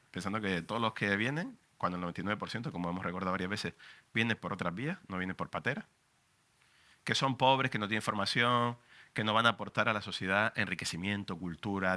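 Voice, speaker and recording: A man's voice: lowish voice, pushed and bright. A man in his forties with a Canarian Spanish accent, speaking passionately as a journalist on a panel at a book presentation. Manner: passionate, emphatic, frank and profane. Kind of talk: public talk at a book presentation.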